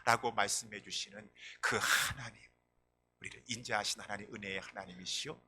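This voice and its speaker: A male pastor giving an impassioned sermon, swinging between loud cries and soft whispers and acting out quoted voices. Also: lowish voice, steady tone, a little fast, a little hiss or hum. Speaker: senior pastor.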